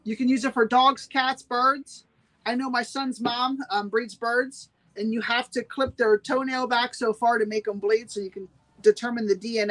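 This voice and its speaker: A woman's voice: fairly high pitch, fairly bright tone, low-quality recording. A woman hosting a live-streamed sale, chatting with viewers and repeating every price twice. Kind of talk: live-streamed sales pitch.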